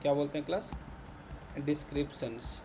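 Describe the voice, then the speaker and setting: A man's voice: on the high side, moderate pace, music in the background. A man with an Indian Hindi accent teaching a programming class to students. He keeps checking in with his listeners, repeating words and asking whether they follow. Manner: repetitive, checks in with "ठीक है ना" constantly. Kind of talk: classroom lecture.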